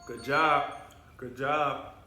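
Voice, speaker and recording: A man's voice: mid-range voice, fairly even intonation, drawn-out words, bright, forceful tone, soft background music. A man teaching an elementary gym class by video, cheering kids on through exercises and calling himself by name in the third person. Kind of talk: leading a video workout class. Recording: roomy echo, voice from a distance.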